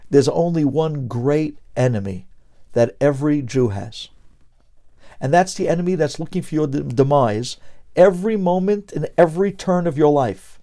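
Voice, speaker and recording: Dark-voiced rabbi giving a passionate lecture. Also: male voice, on the high side. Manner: passionate, dramatic swings between loud and hushed; sprinkles Hebrew phrases. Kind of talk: Torah lecture.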